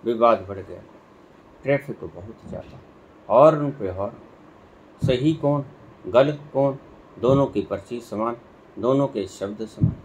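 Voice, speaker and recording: A man giving a sermon as a spiritual teacher, telling a parable slowly and acting out the dialogue. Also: medium pitch, a little mellow, slight background noise, rough recording. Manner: slow storytelling, acting out dialogue.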